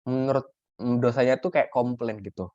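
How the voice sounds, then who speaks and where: A workshop tutor with a medium-pitched, darkish voice and fairly even intonation speaks at normal speed, teaching casually and chatting with listeners as if they were friends, with plenty of fillers and restarts. The audio is dull, lo-fi and dry, with no echo.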